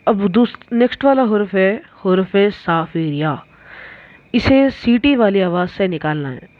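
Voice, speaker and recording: A woman's voice: mid-range voice, expressive, measured pace, dry recording. A woman teaching the Arabic alphabet, drawing out each letter sound between short explanations. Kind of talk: slow recitation lesson. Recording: tinny phone-like recording.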